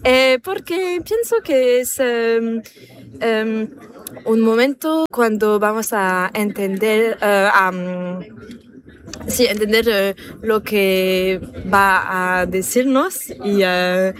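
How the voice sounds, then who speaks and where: A woman answering a street interview outdoors, halting and searching for words. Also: medium pitch.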